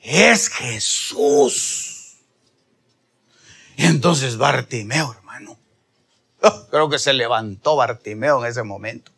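A man preaching a sermon, calling his listeners brother and swinging from hushed near-whispers to loud, impassioned shouting. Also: mid-range voice, unhurried, creaky, slightly rough. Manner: calls the listeners "hermano", acts out voices in the story.

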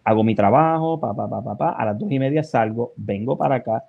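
A man's voice: medium pitch, brisk, creaky, slightly rough, phone-quality sound. A man tells his story in a casual podcast chat. His voice sits in a middle register, and he acts out what he said and felt along the way. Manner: animated, acts out his own reactions. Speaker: guest radio DJ.

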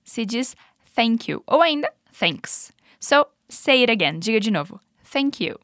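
A woman with a Brazilian Portuguese accent, an upbeat, encouraging English teacher running clear repetition drills. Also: fairly high pitch, big pitch swings, unhurried, a bit bright, no echo, studio quality. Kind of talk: language lesson with repetition drills.

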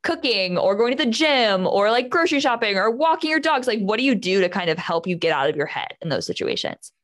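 Animated young woman podcast host. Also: mid-range voice. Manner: animated, talks fast in bursts. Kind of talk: casual chat.

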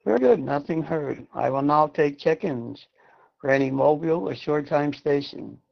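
A man from Massachusetts running a directed amateur radio net as net control, calling stations in a measured, formal on-air manner and spelling call signs phonetically. He is heard over fading shortwave radio. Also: fairly high pitch, creaky. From Massachusetts, USA. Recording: dull lo-fi radio sound.

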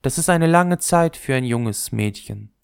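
A man's voice: mid-range voice, animated, unhurried, gravelly, clean tone, dry recording, studio quality, pitched above the performer's own voice. A man voicing a vain young female leather ball in a fairy tale, speaking in an affected, self-important way. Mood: wistful. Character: vain, prim young lady ball, high and haughty.

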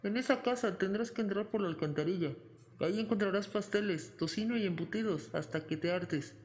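A man voicing a tiny, clever, mischievous boy who shouts in a shrill, drawn-out way. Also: natural voice. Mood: cheeky. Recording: long hall reverb.

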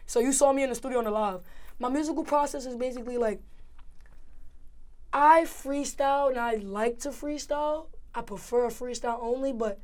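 A woman's voice: sits high, normal speed, a little mellow. A young woman with a New York accent, a rapper talking casually as an interview guest, laid-back and full of slang, often asking "feel me?".

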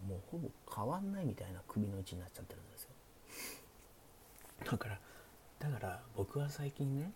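Sleepy, hushed low-voiced man. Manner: sleepy, hushed, often half-whispered. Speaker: streamer, show host. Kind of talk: soft, sleepy bedtime-stream talk. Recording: faint background hiss.

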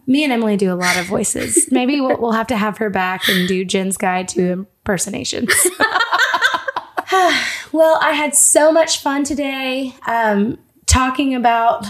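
A woman in her twenties hosting her own podcast, chatting casually and laughing often at herself. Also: fairly high pitch. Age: 20s. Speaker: podcast host.

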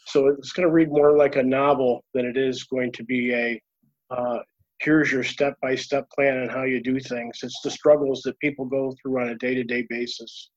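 A man's voice: medium pitch, flat delivery, moderate pace, dull audio. A male podcast guest talking over a video call in a rambling, hesitant way, with many restarts. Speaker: guest, author and trainer. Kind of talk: casual panel chat.

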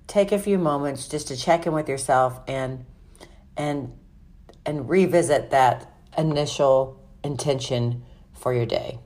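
Woman podcast host, low register, unhurried delivery, informal and instructional, for guided self-help segments. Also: darkish tone.

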